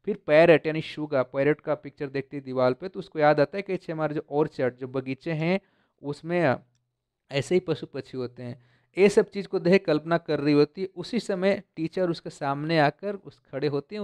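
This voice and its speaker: Male tutor with a smooth, clear voice and a slightly high pitch, reading text deliberately, then explaining casually. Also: a little mellow, no room sound. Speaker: teacher explaining a textbook story. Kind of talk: line-by-line lesson, reading English text slowly then explaining in Hindi.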